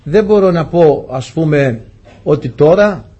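A man's voice: fairly high pitch, lively intonation, mellow, slightly rough, highs cut off. A man preaching a testimony sermon, telling his story earnestly and often turning to address the congregation as dear brothers.

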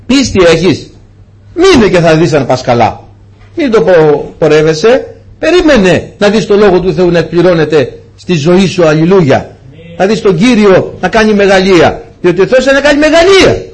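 Male preacher, husky and high-voiced, animated sermon delivery that acts out dialogue. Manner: animated storytelling, voicing dialogue with high pitch swings.

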